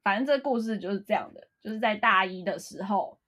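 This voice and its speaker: A young woman co-hosting a casual podcast, telling a personal story with animated emotion. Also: medium pitch, quick pace. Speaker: podcast co-host.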